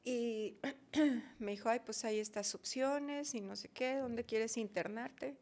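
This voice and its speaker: A woman's voice: on the high side, slow pace, a little mellow. A woman, a podcast guest giving an emotional personal testimony and acting out her own pleas.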